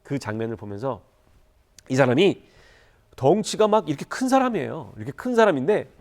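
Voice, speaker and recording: A man's voice: mid-range voice, big pitch swings, a little fast, a little mellow. A Korean man preaching a church sermon, telling a moving story and rising to fervent appeals. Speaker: pastor.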